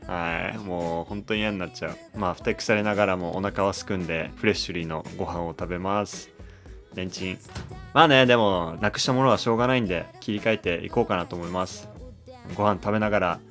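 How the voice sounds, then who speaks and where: A man's voice: sits low, fast talker, a bit bright, soft background music. A man in his thirties narrating his week in a casual vlog, chatty and self-deprecating. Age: 30s. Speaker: vlogger and actor.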